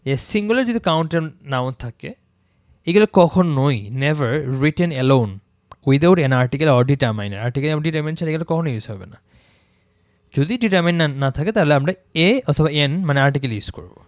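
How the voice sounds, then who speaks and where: A man teaching an English grammar lesson, repeating example words slowly to show how they sound and mixing English terms into his talk. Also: on the high side, animated, no echo, clean studio sound. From Bangladesh.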